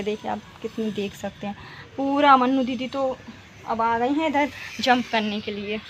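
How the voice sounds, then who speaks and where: Chatty high-voiced woman vlogging outdoors. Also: a bit bright. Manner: chatty, loose and rambling, heavy on fillers. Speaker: home vlogger. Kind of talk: casual home vlog chat. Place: rooftop of a house, outdoors. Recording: noisy outdoor recording.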